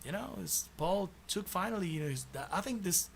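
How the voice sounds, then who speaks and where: High-voiced man chatting. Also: animated, brisk, vocal fry, a little hiss or hum. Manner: enthusiastic, often laughing, hums and sings snippets. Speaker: tribute band musician. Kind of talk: casual chat about music history.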